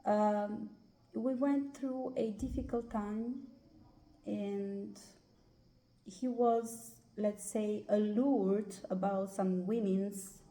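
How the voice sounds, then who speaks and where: Slow, hesitant Albanian-accented woman. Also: mid-range voice, steady tone, dark tone. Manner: hesitant, many pauses and "uh" fillers. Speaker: guest. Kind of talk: personal life story in an interview. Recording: roomy echo.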